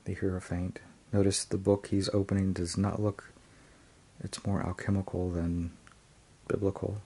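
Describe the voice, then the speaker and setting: A man's voice: deep voice, level tone, moderate pace, mellow, breathy edge. A man casually reviewing and unboxing a tarot deck, hesitant, with frequent ums and restarts.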